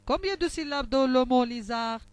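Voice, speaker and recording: A woman teaching young children to read, speaking slowly and articulating each sound with care. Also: sits high, lively intonation, soft background music. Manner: slow, carefully articulated, syllable by syllable. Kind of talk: slow phonics lesson for young children.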